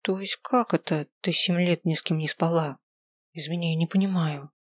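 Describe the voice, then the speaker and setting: A woman voicing a caring young best friend who speaks eagerly and often in a hushed whisper. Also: fairly low pitch, steady tone, normal speed, no room sound, studio quality, lightly acted. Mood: concerned.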